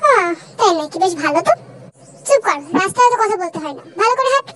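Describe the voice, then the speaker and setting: A woman's voice: very high-pitched, lively intonation, fast talker, heavy background noise. A young woman voicing a bossy college girl who teases and scolds her friend, in a fan dub drama. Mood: teasing. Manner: teasing, scolding.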